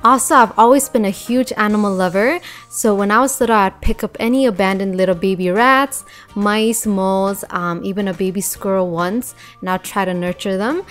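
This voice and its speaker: A woman's voice: medium pitch, moderate pace, faint music behind. Chatty young woman from Nepal. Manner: chatty, frequent ums and uhs. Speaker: YouTuber. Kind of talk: casual storytelling voice-over. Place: voice-over over whiteboard drawing.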